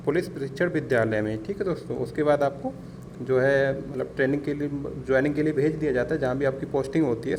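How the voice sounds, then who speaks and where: This man's voice is fairly high and a little mellow as he teaches an informal exam-prep lesson. He tends to say things twice, addresses the audience as friends, and slips English words into his speech, with background noise clearly audible.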